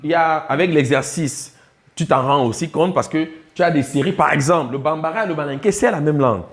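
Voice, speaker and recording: Guy teaching a class, kinda high voice, keeps asking if everyone gets it. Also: brisk. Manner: explanatory, quizzes the class often. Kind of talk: classroom lecture on language.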